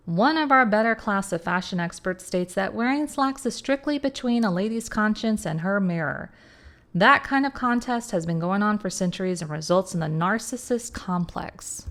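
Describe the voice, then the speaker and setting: Woman, history channel host, reads old article quotes, sarcastic asides. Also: medium pitch. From rural upbringing. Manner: sarcastic asides between quotations. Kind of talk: reading and commenting on old articles.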